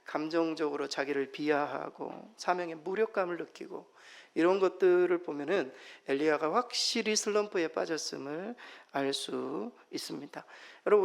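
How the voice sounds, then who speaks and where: A man preaching a Sunday sermon as pastor, emphatic, moving between loud exclamations and soft near-whispers. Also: high voice, creaky. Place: church sanctuary. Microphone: microphone.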